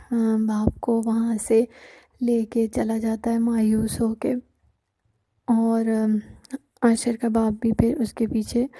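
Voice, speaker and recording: Woman, higher-pitched, very flat and dark-toned, recapping a drama episode unscripted with lots of fillers. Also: slightly rough. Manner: plain, hesitant retelling full of fillers.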